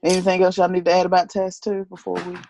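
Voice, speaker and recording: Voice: mid-range voice, monotone, quick pace, creaky, darkish tone, slight background noise, rough recording. A teacher on a video call, chatty and self-deprecating, laughing often while talking. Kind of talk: casual video-call discussion.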